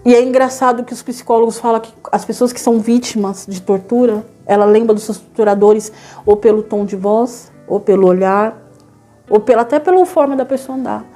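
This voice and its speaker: A woman's voice: on the high side, brisk, mellow, soft background music. A young woman, earnestly telling her church testimony and addressing the listeners as brothers.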